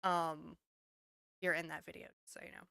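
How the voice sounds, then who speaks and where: Chatty woman host for a casual recap, bright and dry. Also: low voice, little pitch movement, moderate pace, gravelly, smooth, dry recording. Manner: chatty, laughs often. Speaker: podcast host.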